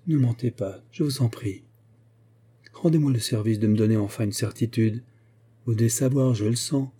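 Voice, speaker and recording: A man reading the lines of a frail, grieving young woman who pleads and despairs, in a husky, dark voice. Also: medium pitch, moderate pace, close to an everyday voice. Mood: pleading. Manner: pleading, broken, desperate.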